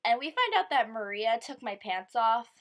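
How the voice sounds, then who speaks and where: A woman's voice: on the high side, big pitch swings, normal speed, a bit bright. A young woman telling a personal story to camera in casual vlog style, with lots of "like" and swearing. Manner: casual, swearing, quoting others in her own voice; filler-heavy, lots of "like". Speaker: vlogger.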